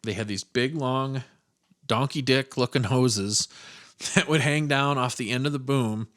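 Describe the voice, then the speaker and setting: A man's voice: medium pitch, a little slow, fairly bright tone. Male podcast host from Iowa; loose, profane, self-mocking storyteller. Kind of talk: casual storytelling monologue.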